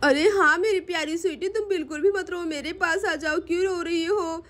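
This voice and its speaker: A woman voicing a gentle aunt doll who soothes a crying child. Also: very high-pitched, fairly even intonation, normal speed. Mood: soothing. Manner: soothing, coaxing.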